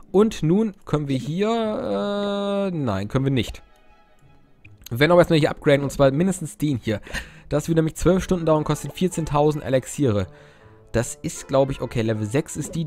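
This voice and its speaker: A man's voice: a little high, animated, brisk, a little mellow, faint music behind. A young man giving casual, rambling gameplay commentary, cracking crude jokes and interrupting himself. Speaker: Let's Play host.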